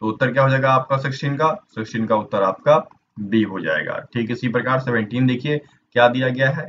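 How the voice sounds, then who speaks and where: A man leads an exam-prep Hindi lesson at a mid pitch, spelling each word out letter by letter and stopping to ask the viewer which option is right. The recording is a little dull and lo-fi, with a faint hum of room noise behind his voice. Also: a bit bright. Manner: spells words out letter by letter, asks the viewer questions.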